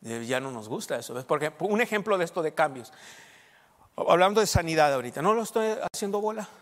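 A man preaching a sermon as pastor, emphatic, swinging between loud and soft and checking in with the congregation. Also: on the high side, lively intonation, fast talker. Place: church. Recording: long church reverb.

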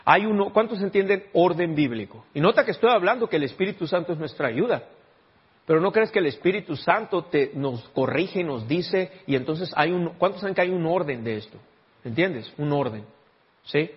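A man's voice: a little high, animated, moderate pace, breathy edge, dull audio. A male pastor preaching a sermon, often turning to the congregation with questions. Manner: keeps asking the congregation rhetorical questions.

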